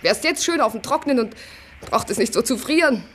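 A woman's voice: on the high side, expressive, fairly quick, a bit bright, a little hiss or hum. A curt, irritable young woman. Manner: curt, snappish, teasing. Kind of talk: radio play acting.

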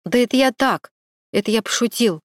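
A woman's voice: on the high side, lively intonation, brisk, dry recording, studio quality, pitched above the performer's own voice, close to an everyday voice. A woman voicing a nervous male security guard who mumbles, pleads and dodges.

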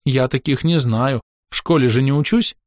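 A man's voice: mid-range voice, normal speed, darkish tone, no room sound, clean studio sound, voice pushed up, lightly acted. A man voicing a blunt, chatty young girl, the narrator's daughter, telling what she saw in a childlike way. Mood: cheeky.

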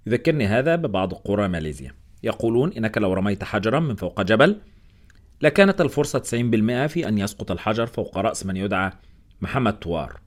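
A man's voice: fairly low pitch, sing-song, quick pace. A man voicing a thoughtful, wry expedition member in an audiobook. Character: Nazir, a thoughtful male Malaysian expedition member.

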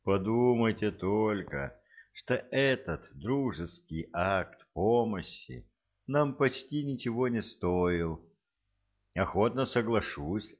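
A man's voice: lowish voice, highs cut off. A man voicing a courteous elderly male professor who speaks in a soothing, placating way.

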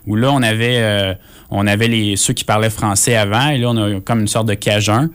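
A man with a fairly low voice and a Québécois French accent. He speaks in a casual political discussion, picking his way through explanations with measured hesitation. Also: fairly even intonation, clean tone. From Quebec, Canada.

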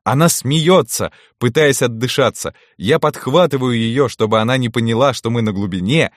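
A man reading a first-person romance story aloud in a calm, intimate storytelling manner. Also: medium pitch, normal speed, no room sound, studio quality. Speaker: audiobook narrator.

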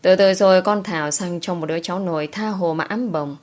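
A woman's voice: fairly low pitch, fairly quick, a little mellow, natural voice. A woman voicing a stern middle-aged countryside mother who scolds her daughter firmly. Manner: firm, scolding.

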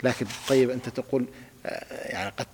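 A man's voice: medium pitch, fairly even intonation, fast talker, a little hiss or hum. A man teaching a classical grammar lesson, patiently explaining step by step and having his student repeat words. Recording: reverberant room with long echo.

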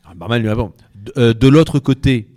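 A man's voice: medium pitch, fast, warm tone. A man co-hosting a comedy podcast, teasing and egging on the others as he leads a round of jokes. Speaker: podcast co-host. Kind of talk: casual joke-telling chat.

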